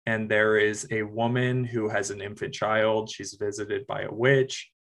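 A man co-hosting a podcast as a film critic, earnestly enthusiastic and halting with fillers. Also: fairly low pitch, little pitch movement, fairly bright tone. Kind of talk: casual film review chat.

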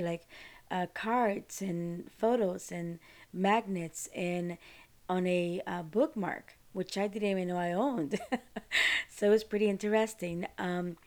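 A woman's voice: fairly low pitch, a little mellow. A woman from Costa Rica hosting a podcast, talking on her own in a chatty, rambling, informal way. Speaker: podcast host. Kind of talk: casual solo monologue.

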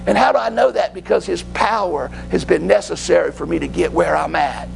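Gravelly preacher, high voice. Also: male voice, brisk, a little hiss or hum, rough recording. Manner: fervent, dropping to hushed whispers. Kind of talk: sermon. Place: church.

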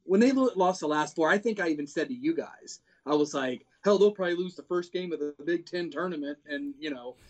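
A man's voice: fairly high pitch, a little fast, few pauses. A man co-hosting a sports podcast, chatting casually in informal, colloquial buddy talk. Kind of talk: casual chat.

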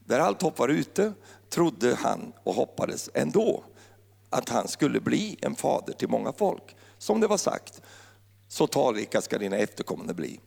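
Gravelly, lively male preacher in a hall. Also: mid-range voice. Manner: playful, joking preacher with wordplay. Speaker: pastor. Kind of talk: sermon.

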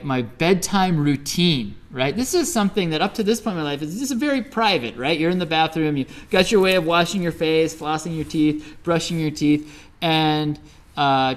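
A middle-aged Midwestern man giving a Buddhist dharma talk as a teacher, telling stories conversationally with many fillers. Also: fairly high pitch. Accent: Midwestern American.

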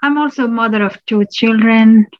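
A woman from Nepal, a public health lecturer, telling her personal story in an interview, reflective and pausing with restarts. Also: on the high side, no room sound, muffled recording.

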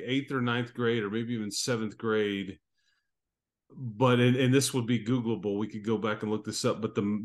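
A man in his fifties hosting a casual sports podcast. He reminisces at length and keeps circling back to restart his stories. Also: medium pitch. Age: 50s. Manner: rambling, reminiscing storyteller. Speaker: podcast host.

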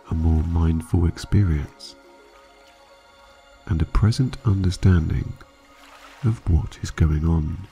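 With soft music in the background, a man with a low, gravelly voice leads a guided sleep meditation. His delivery, like a sleep story narrator's, is calm, measured, and hypnotic, broken by long pauses between phrases.

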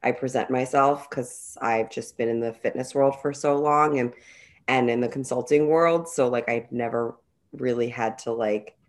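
In a bass voice at moderate pace, a young female podcast co-host chats casually. She rambles, speaks in bursts, and fills her talk with many "like"s.

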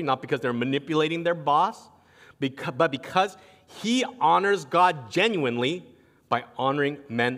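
A fairly high-voiced man preaches with animated storytelling, slipping into the voices of the people in his stories. His words ring out with a long reverb, as in a large church sanctuary. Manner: animated storytelling, acting out quotes. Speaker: pastor. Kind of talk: sermon.

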